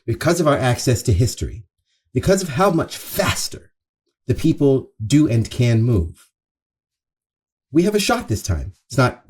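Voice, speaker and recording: Animated, husky man hosting a monologue. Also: medium pitch. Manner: earnest, emphatic, conversational, with pauses and repetition for stress. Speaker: show host. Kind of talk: opening monologue, half-scripted social commentary.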